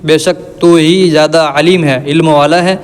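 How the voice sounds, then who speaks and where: Flat-voiced man teaching scripture, reverberant. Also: a little high. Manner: recites Arabic verses slowly, then explains them in plain everyday terms. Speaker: Quran teacher. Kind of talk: religious lesson explaining verses. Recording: long reverb.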